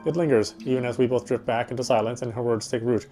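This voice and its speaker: A fast-talking let's player reads visual novel narration dramatically in a medium pitch, occasionally tripping over words. Loud game music sits behind the voice.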